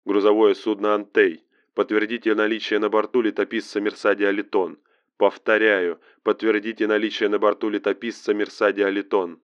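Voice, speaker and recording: Audiobook: narrator voicing a calm male warrior officer over a radio vox, clipped and flat. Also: fairly low pitch, brisk, clear, resonant tone. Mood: commanding. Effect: radio vox transmission. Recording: dull lo-fi vox sound.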